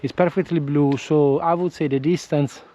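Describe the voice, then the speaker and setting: Recorded dry on a windscreened action camera, this outdoor walking vlog features an Italian man speaking non-native English. His voice is a little high and warm, with fairly even intonation and normal speed. He is hesitant, often stopping to restart and correct himself.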